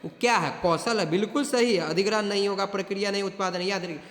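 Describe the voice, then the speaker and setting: A male exam prep teacher with a high voice, reading Sanskrit questions slowly and explaining them in brisk Hindi. He keeps reminding students to pay attention. The room is echoey, with a long reverb tail. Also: steady tone, a bit bright. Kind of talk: exam coaching lecture.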